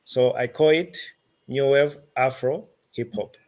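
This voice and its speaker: The Zambian-accented musician, medium in pitch, gives interview answers in carefully phrased, stop-and-start sentences.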